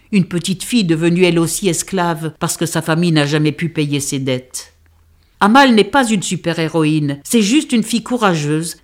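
Woman reading and reviewing a novel. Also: on the low side. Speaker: book reviewer and reader. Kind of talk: reading a book aloud and reviewing it.

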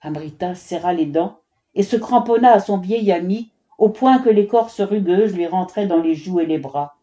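Mellow-voiced woman narrating a storybook. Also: fairly low pitch, moderate pace, highs cut off. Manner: expressive, voices every character.

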